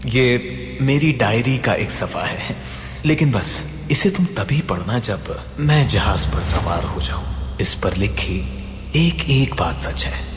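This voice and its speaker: A solemn diary, slow, over loud music. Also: male voice, medium pitch, animated. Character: man reading his diary aloud before a voyage. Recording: roomy reverb under loud music.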